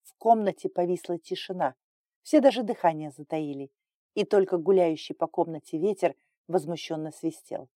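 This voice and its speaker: A woman narrating a fantasy audiobook in an even, measured storytelling manner. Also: on the low side, no room sound, clean studio sound.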